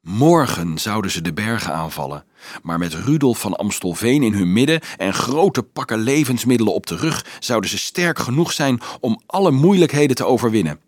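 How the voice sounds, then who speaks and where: Male audiobook narrator, low and dry, expressive storytelling of a children's novel. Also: moderate pace, no echo. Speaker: audiobook reader. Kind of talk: reading a children's novel aloud.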